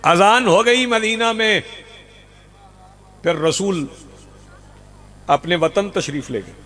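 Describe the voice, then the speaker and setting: Pakistani male preacher, high voice, rhetorical outdoor sermon with repetition. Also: lively intonation, slow pace, fairly bright tone. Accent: Pakistani Urdu. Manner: rhetorical, repeats lines for emphasis, rouses the crowd. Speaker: Shia preacher. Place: outdoor religious gathering.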